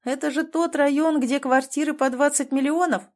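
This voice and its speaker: A woman's voice: high voice, steady tone, moderate pace, pitched above the performer's own voice, close to an everyday voice. A woman voicing a lazy drawling rescuer. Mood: lazy teasing.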